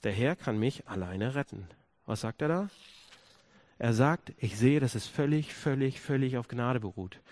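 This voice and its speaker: A male pastor delivers a sermon in an animated way at a moderate pace, sinking into hushed, low passages before building to emphatic, repeated questions. The recording is dry.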